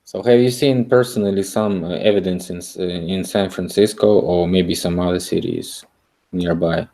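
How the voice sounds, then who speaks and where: Deep-voiced man hosting a stream. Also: fairly even intonation, gravelly, dark tone. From Russia. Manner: halting, with slightly broken English. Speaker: host. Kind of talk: live stream chat.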